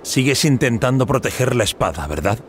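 An actor playing a proud, determined young prince in a fantasy game, commanding and declamatory, with game sound behind him. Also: male voice, medium pitch, animated, brisk, a little hiss or hum, close to an everyday voice. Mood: defiant. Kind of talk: scripted fantasy game acting.

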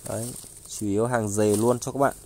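Man giving a casual, halting sales pitch. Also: steady tone, a little mellow, slight background noise. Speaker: online plant seller. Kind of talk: casual sales pitch listing wares and prices. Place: outdoors, beside goods laid on a tarp. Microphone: handheld phone filming the goods.

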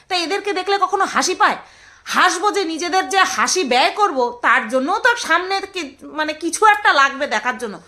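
A woman's voice: very high-pitched, pushed and bright. A woman vlogger, ranting in scornful, mocking commentary full of rhetorical jabs.

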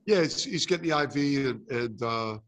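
A man's voice: medium pitch, animated, moderate pace, fairly bright tone. A middle-aged man, a head basketball coach, answering questions at a postgame press conference with many fillers and restarts. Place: press conference room with sponsor backdrop. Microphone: table mic close in front.

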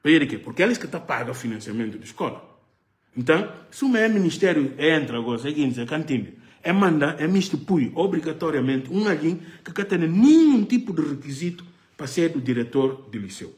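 A middle-aged man hosts live political commentary to camera from a living room sofa, filmed on a phone held at arm's length. His voice is fairly high, sing-song, fairly quick and a little mellow. He speaks with passion, gesturing and repeating phrases for emphasis.

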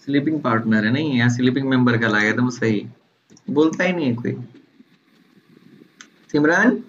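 Jovial teacher with a lilt. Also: male voice, medium pitch, moderate pace. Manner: teasing, jovial, calls on students by name. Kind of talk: casual online class. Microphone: video call. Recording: dull online call audio with faint noise.

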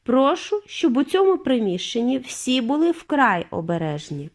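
A gallant, cheerful eccentric gentleman who runs a factory, as a woman plays him in a storybook. His voice is bright and reassuring, with a lively, bouncing pitch. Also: moderate pace. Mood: cheery.

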